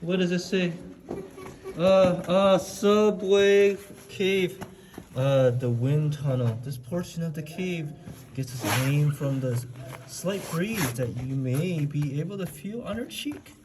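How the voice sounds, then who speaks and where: A man touring a dark lava tube cave, reading the signs aloud and teasing with fake scares. His voice carries the cave echo. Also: fairly high pitch, animated, takes it slowly, noisy background. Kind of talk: casual tour chat, reading signs aloud. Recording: echoey cave with long reverb.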